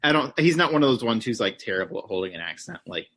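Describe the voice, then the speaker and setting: Man, husky voice, blunt sarcastic podcast co-host, swears freely. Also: mid-range voice, very animated, quick pace, a bit bright. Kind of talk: casual chat about film awards.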